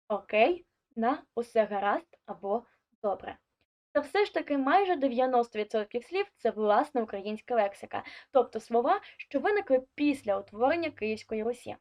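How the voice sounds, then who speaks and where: A woman's voice: fairly high pitch, darkish tone. A woman teaching an online language lesson, reading scripted explanations and listing examples one by one. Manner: clear, deliberate listing of examples. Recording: dull lo-fi audio.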